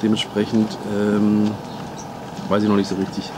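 A man in his thirties vlogs casually, rambling with fillers and hunting for words, first filmed on a camera in a tent and then in a car. His lowish voice is monotone at a normal speed. Loud rain and car noise fill the background.

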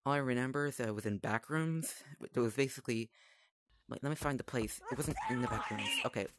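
A man's voice: medium pitch, quick pace, very noisy. Rambling man narrating a VR game. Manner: rambling, self-conscious, talking to himself. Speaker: gameplay vlogger. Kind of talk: casual gameplay commentary.

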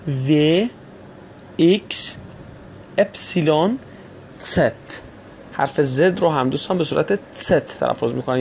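Man, language teacher, patient and formal, gravelly rasp, a bit high-pitched. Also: darkish tone, slight background noise. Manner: addresses listeners as friends, polite formal phrasing; spells letters slowly and repeats sounds for students. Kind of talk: recorded language lesson.

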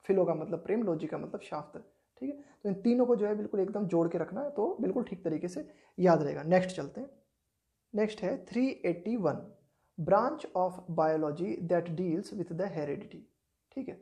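A woman teaching an exam-prep lesson in a mellow, warm voice, set at a middling pitch. She explains patiently and keeps checking in with the listener through short tag questions. Each English definition she reads out slowly and deliberately. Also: lively intonation, vocal fry.

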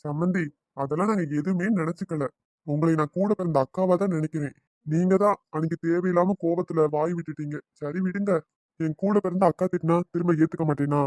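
A man voicing a kindly middle-aged father-in-law in a family cartoon, speaking gently and conciliatorily. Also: fairly high pitch, steady tone, fairly quick, no room sound, studio quality, close to an everyday voice.

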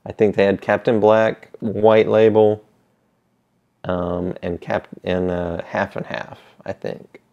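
A middle-aged man with a fairly low voice talks casually to camera with a pipe in his mouth. He rambles in a laid-back, halting way, pausing often. The sound is slightly dull, recorded in a small room. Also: little pitch movement, dark tone. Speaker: pipe tobacco seller. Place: small indoor room with shelves.

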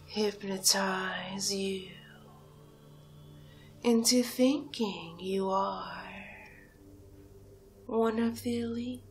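Soft background music plays as a woman of medium pitch whispers her way through an ASMR hypnosis roleplay, playing a haughty, mesmerizing alien cow. She sounds haughty and coaxing, stretching out her breathy words between long pauses.

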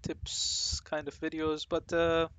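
A man with a fairly high, bright, clean-toned voice talks slowly and in a monotone on his gaming channel. His casual to-camera chat rambles, with frequent fillers and restarts.

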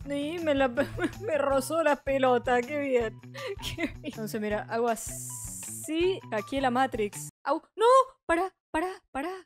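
A woman's voice: high voice, lively intonation, slow. A young Argentine woman commenting on her gameplay, frantic and swearing, pleading with the game not to let her fall. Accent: Argentine Spanish. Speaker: gaming youtuber. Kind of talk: let's play commentary. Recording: faint music behind.

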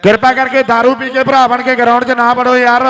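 Very high, piercing male kabaddi announcer. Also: monotone, brisk, fairly bright tone. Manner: emphatic, repeats phrases. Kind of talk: live rural sports commentary. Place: outdoor village kabaddi ground.

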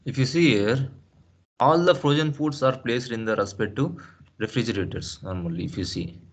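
A man talks through a screen-share tutorial at a middle pitch. He explains step by step, asks the listener questions and leans on "uh" and "I mean to say" as he restarts his sentences. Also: moderate pace, breathy edge. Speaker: SAP trainer.

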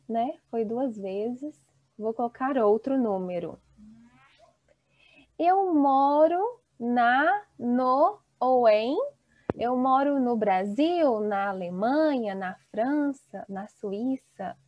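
A woman in her thirties teaching an online Portuguese class, slowly and encouragingly reading out students' chat replies. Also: on the high side, no room sound. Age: 30s. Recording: dull, dry video-call audio.

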